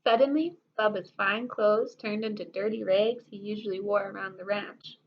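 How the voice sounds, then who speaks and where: Reading a storybook to children at a moderate pace, this woman's medium-pitched voice stays expressive as she breaks off for lively, playful comments to her young audience. The recording sounds muffled and carries a little background noise.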